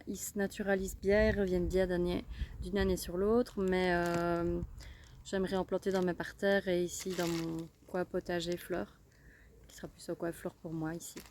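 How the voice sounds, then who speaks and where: This woman, a gardening vlogger with a Belgian French accent, speaks in a mid-range, darkish voice while casually discussing her garden and bulbs outdoors. She uses many fillers and restarts, and a little hiss or hum sits under the audio.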